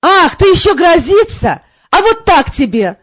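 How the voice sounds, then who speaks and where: A woman reading an audiobook, voicing a gruff, scolding young knight in her own high voice. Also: very animated, measured pace, dry recording, clean studio sound, full character voice.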